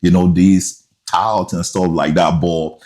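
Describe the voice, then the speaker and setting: A man, a guest in an interview, telling his life story in a lively way with local slang. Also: sits low, takes it slowly. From Nigeria.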